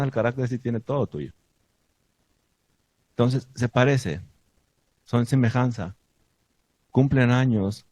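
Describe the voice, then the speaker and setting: A man giving a sermon to his congregation, asking the listeners many questions and stressing points with lively emphasis. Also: medium pitch, no room sound. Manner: asks the audience many questions. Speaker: teacher of a congregation.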